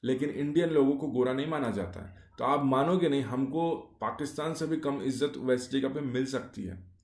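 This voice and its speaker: In an echoey room, a YouTube explainer talks casually at a moderate pace with a medium-pitched voice. His monologue comes in short clauses, packed with fillers and rhetorical questions.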